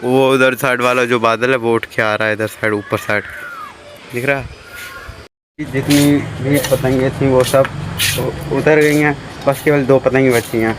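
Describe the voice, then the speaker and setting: A man's voice: medium pitch, steady tone, unhurried. A man doing a casual, chatty vlog from a rooftop, talking to his viewers as he shows them around. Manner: chatty, talks to viewers as "guys" while showing around. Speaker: vlogger. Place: outdoors on a rooftop. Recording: outdoor noise with passing traffic.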